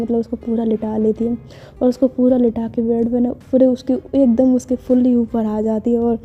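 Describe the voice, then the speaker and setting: Woman casually narrating a love story, lots of fillers, dark husky voice, pretty flat, dull audio w faint music. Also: on the high side. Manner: chatty, filler-heavy, self-correcting. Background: faint background music.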